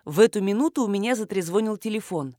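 A woman's voice: mid-range voice, animated, fast talker, dark tone, no echo, clean studio sound. A woman narrating a first-person audiobook with wry, ironic storytelling.

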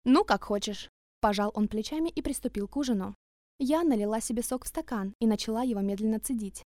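A woman reads a first-person story in an even, reflective voice. Her pitch sits fairly high. The sound is dry and close to the mic. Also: fast, dry recording. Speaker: narrator.

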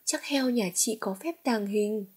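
A stammering middle-aged village man from a storybook, as a woman reader puts him on. He trips over his words in a breathy, husky voice. The pitch sits a little high. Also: unhurried, a little mellow. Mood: hushed.

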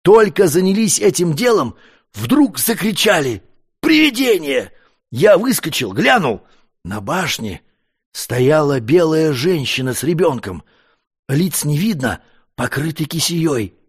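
A man's voice: on the high side, very animated, unhurried, breathy edge, heavily acted. A man voicing a frightened household butler who stammers as he reports in a storybook reading. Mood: flustered.

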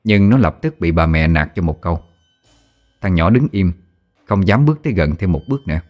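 A man narrating a story in a steady, dramatic storytelling manner. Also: low voice, brisk, faint music behind.

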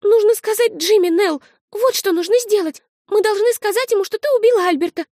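Woman doing a shrill frightened little girl. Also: a little fast, a little mellow, no echo, clean studio sound. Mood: frightened, tearful. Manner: high, shrill, breathless pleading. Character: little girl, frightened tearful younger sister.

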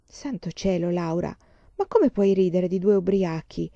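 A woman's voice: on the low side, animated, measured pace, mellow, no room sound, dull audio. A woman reading the lines of a strict, proper pioneer mother in a disapproving, earnest way.

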